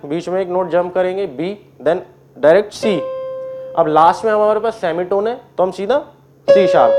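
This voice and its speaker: A man with a high voice walks students through keyboard scales, patient and step by step. He often clears his throat and checks that everyone follows, with faint music in the background. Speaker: keyboard teacher. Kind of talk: online music class. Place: indoors with keyboard and board.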